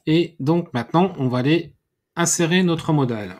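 A man giving a screen-recorded software tutorial, thinking aloud and correcting himself as he clicks through menus. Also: a little high. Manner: unhurried, thinking aloud with many fillers and self-corrections. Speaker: WordPress tutorial instructor.

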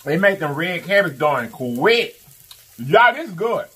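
A woman's voice: lowish voice, sing-song, a little slow, fairly bright tone, breathy edge. A woman with chatting to viewers during a mukbang eating vlog, with lots of mm sounds between bites. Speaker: mukbang vlogger. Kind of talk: casual eating vlog chat.

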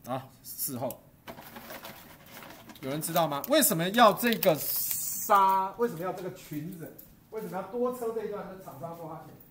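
A man's voice: sits high, lively intonation, normal speed, a bit bright, slight background noise. A middle-aged man teaching a stagecraft class, quizzing his students, cracking jokes and dropping English terms into the lecture.

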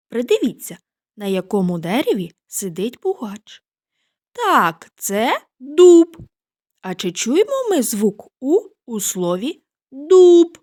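A woman preschool teacher giving a scripted literacy lesson, talking gently to small children and drawing out the vowel sounds. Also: mid-range voice.

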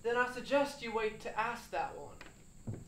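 Man acting a smug western outlaw, high-pitched, menacing, taunting, folksy, deliberate. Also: lively intonation, pushed and bright, a little hiss or hum, heavily acted, rough recording. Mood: dismissive.

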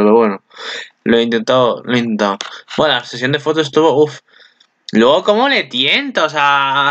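A man's voice: mid-range voice, sharp tone, muffled recording. A man, chatting casually as channel host in a rambling way, often correcting himself. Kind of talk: casual anime commentary.

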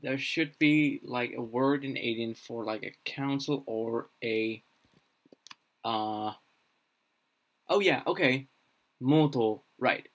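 A young streamer, Danish by first language, is building a constructed language and thinking aloud on a casual live stream. He halts a lot, with many fillers and restarts, at a medium pitch. The recording comes from a small room.

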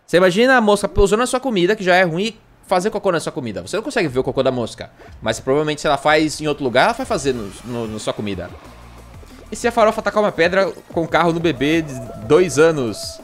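A man's voice: on the high side, very animated, fast talker, faint music behind. A man with a Brazilian accent chatting casually on a gaming livestream, rambling and joking at himself. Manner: rambling, jokey, self-mocking.

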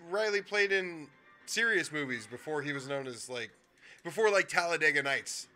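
Young man, bright tone, animated, swearing, rambling movie talk, gaming commentary. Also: on the high side, moderate pace, faint music behind. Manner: chatty, swearing, movie tangents. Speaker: let's play co-host.

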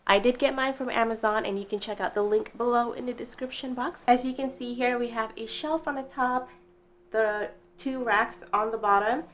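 A woman's voice: a little high, steady tone, moderate pace, fairly bright tone. A young woman doing a casual, upbeat product review in her living room, chatting straight to the viewers. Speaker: home fitness vlogger. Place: bright living room at home.

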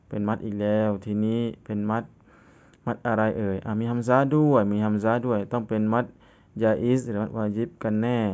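A man with a low, smooth, resonant voice leads a recitation lesson. He speaks in a level, even tone, reciting each phrase and then breaking it down patiently. The audio is slightly dull and lo-fi. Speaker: Quran reading teacher.

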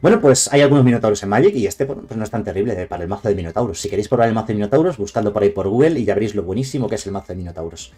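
A man's voice: lowish voice, very fast, hardly any pauses, dark tone. A man from Spain with a Castilian accent, chatting casually and digressively on a live stream, reviewing cards and greeting viewers. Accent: Castilian Spanish.

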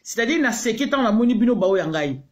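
A Congolese man hosts a casual livestream, greeting viewers one by one in a heated, repetitive way while mixing French and Lingala. His voice is very high-pitched with lively intonation, and he speaks fast.

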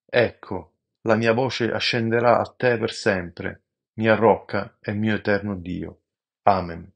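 A man reading scripture aloud in a slow, measured, reverent way, with the odd stumble over a word. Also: lowish voice, fairly even intonation, gravelly, husky, dull audio. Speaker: amateur scripture reader.

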